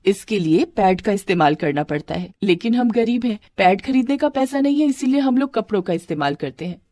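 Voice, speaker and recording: A woman voicing a poor mother who explains things calmly and reassuringly to her daughter. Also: mid-range voice, fairly quick, no room sound, close to an everyday voice. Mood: tender. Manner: calm, reassuring. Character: poor loving mother, calm and tender.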